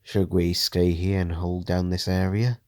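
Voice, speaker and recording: A man narrating a first-person audio drama story in a steady, measured way. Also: low voice, dry recording, studio quality.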